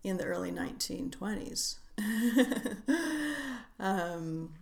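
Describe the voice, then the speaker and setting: A middle-aged woman, a writer who is a guest on a podcast, talking reflectively in an unhurried, musing way with frequent hesitations. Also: mid-range voice, lively intonation, vocal fry. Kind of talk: reflective conversational interview.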